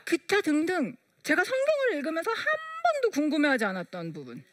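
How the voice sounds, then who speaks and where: A woman's voice: sits high, wildly swooping pitch, fast talker, dry recording, clean studio sound. A woman giving a lecture on parenting, telling stories and acting out the dialogue in quoted voices. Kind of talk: storytelling lecture.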